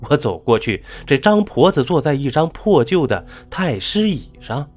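A male storyteller telling an eerie village tale, his pitch leaping up and down with strong dramatic swings. Soft music runs quietly behind him. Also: sing-song, normal speed. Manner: dramatic, rising and falling delivery. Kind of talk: scripted narration of a ghost story.

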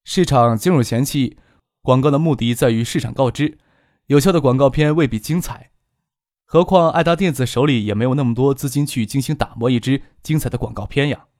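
A calm, shrewd young businessman, voiced by a male narrator. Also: mid-range voice, no room sound, studio quality, lightly acted. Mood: composed. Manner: measured, composed, explaining.

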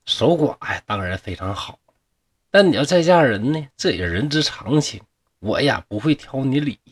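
Dying peasant, suspicious and bitter, Northeastern Mandarin accent, husky and lively, read by a storyteller. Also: male voice, medium pitch, moderate pace. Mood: pleading. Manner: pleading, folksy.

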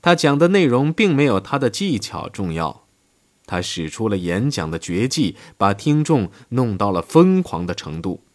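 A man narrates a history audiobook in a low voice. His reading is steady and scripted, and his pitch rises and falls widely, climbing higher on quoted lines. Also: normal speed.

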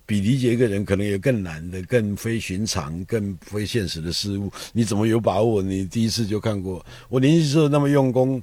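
Deep husky older man musing aloud. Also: fairly quick, few pauses, warm tone, no room sound. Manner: musing, discursive, with rising and falling emphasis. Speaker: guest writer. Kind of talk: reflective conversation.

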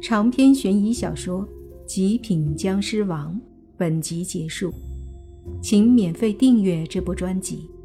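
A woman narrating a serialized suspense novel in a steady storytelling voice. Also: medium pitch, slow, soft background music. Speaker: audiobook narrator.

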